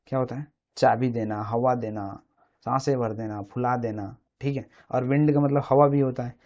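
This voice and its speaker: A man teaching English grammar, speaking at a middle pitch. He explains step by step, says each key word several times, and keeps asking whether the listener follows. The recording is dull and lo-fi. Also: fairly even intonation, normal speed, darkish tone. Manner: repeats key words often, asks the listener "samajh rahe hain na?".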